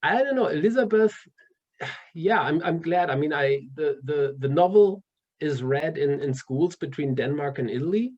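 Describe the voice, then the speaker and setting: In a muffled recording, a German-accented author talks casually during an interview in a slightly high, somewhat mellow voice at a moderate pace. Hesitant and quick to laugh, he frequently restarts his sentences and leans on fillers.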